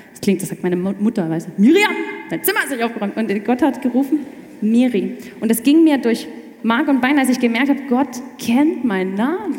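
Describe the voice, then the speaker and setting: Excitable young woman in an echoey room. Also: fairly high pitch. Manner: animated, talks in quick restarts. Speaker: guest sharing her faith story. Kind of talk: personal testimony in casual chat. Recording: echoey room with long reverb.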